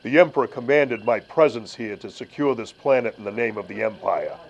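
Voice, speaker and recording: A man playing a cold, arrogant male dark lord in armor, speaking in slow, threatening pronouncements in a talk-show skit. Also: fairly low pitch, animated, highs cut off. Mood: menacing.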